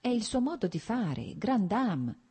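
A woman's voice: on the high side, sing-song, a little slow, warm tone, breathy edge, pitched above the performer's own voice, full character voice. Jovial worldly nobleman, read by a woman. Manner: jovial, teasing, knowing. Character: genial, worldly nobleman bon vivant.

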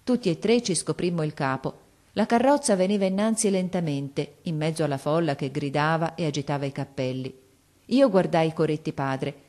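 A woman narrating a classic novel as an audiobook, with measured, expressive storytelling. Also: low-pitched.

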